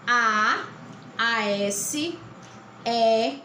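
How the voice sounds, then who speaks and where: A Brazilian woman teacher with a high voice walks her pupils through the lesson at an unhurried, careful pace, spelling out endings one letter at a time. She sounds like she is in a roomy, echoing space, with a faint hum behind her. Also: expressive, sharp tone. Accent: Brazilian Portuguese. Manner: slow, deliberate, spells out word endings letter by letter. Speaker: school teacher. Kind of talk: recorded classroom lesson.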